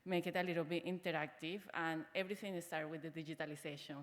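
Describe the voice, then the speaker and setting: A woman's voice: low-pitched, fairly even intonation, fast talker. Hesitant woman in a reverberant hall. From Colombia. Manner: hesitant, many fillers and restarts. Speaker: conference speaker. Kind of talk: conference presentation. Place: conference hall. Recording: large hall with long reverb.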